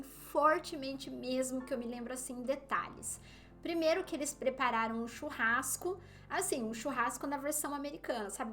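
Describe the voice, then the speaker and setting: A woman with a Brazilian Portuguese accent tells a story to her viewers in a loose, chatty way. Her voice sits a little on the high side. She keeps turning to her listeners directly as she talks. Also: fairly bright tone. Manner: chatty, often addresses listeners as "gente". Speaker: vlogger. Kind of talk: casual storytelling to camera.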